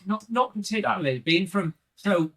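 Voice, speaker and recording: On a casual podcast, an indie filmmaker from North Wales speaks earnestly and reflectively, frequently starting his sentences over. He has a North Welsh accent and a high, slightly bright voice with lively intonation at a normal speed.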